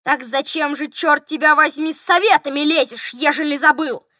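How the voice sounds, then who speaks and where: A woman voicing an irate old male general with toothache, loud and blustering in a storybook reading. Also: high voice, normal speed, no room sound, clean studio sound. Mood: angry.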